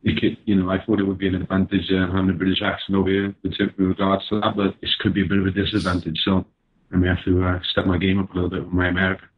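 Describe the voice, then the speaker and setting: A man's voice: low-pitched, completely flat delivery, racing, breathy edge, narrow, tinny audio. A young man with a Welsh accent chatting as a guest over a video call, laid-back and hesitant, with many fillers. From Wales. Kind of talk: casual chat.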